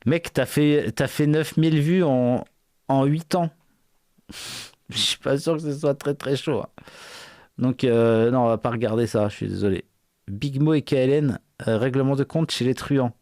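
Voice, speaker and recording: A man's voice: medium pitch, normal speed, darkish tone. A man hosting a casual live stream, talking bluntly and mockingly with slang and swearing. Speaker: streamer host, rapper.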